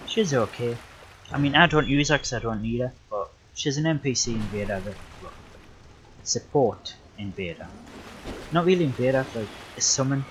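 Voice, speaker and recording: A young man talks his way through a livestreamed game in a loose, unhurried way. He rambles and backtracks with plenty of fillers. His voice sits at an ordinary middle pitch. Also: a little hiss or hum, low-quality recording. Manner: relaxed, rambling, self-correcting with many fillers. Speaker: livestreaming gamer. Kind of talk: casual gameplay commentary.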